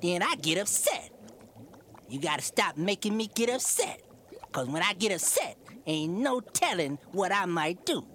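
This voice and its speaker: A woman's voice: on the low side, sing-song, measured pace, a bit bright, slight background noise. A woman playing a controlling, abusive boyfriend in a radio comedy sketch, wheedling and menacing. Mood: wheedling threat.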